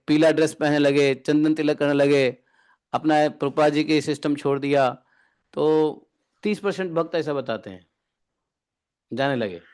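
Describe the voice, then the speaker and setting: A man's voice: on the high side, clear, resonant tone. A man giving a devotional discourse as a spiritual teacher, bantering and often asking his listeners rhetorical questions.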